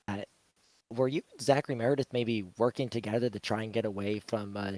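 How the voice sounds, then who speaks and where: A man's voice: fairly low pitch, a little mellow, no echo, poor audio. A man with a sick voice, co-hosting a race broadcast and asking rambling questions.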